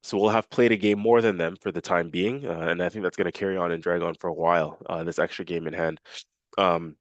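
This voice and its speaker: A Canadian man, his voice nasal and congested from a cold, casually previews a football match for his fan channel, leaning heavily on fillers and repeating himself. His voice sits low with a steady tone and a fairly quick pace. The recording is dry and muffled.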